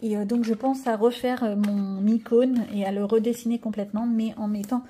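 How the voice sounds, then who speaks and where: A woman's voice: on the high side, steady tone, normal speed, dark tone, slightly rough. A middle-aged woman chatting casually in a haul vlog, rambling with fillers and restarts as she shows her purchases. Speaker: coloring channel vlogger.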